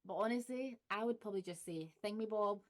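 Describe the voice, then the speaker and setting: Speaking a little fast at medium pitch, this Glaswegian woman makes casual vlog chat on her YouTube channel. She laughs a lot and toys with example phrases.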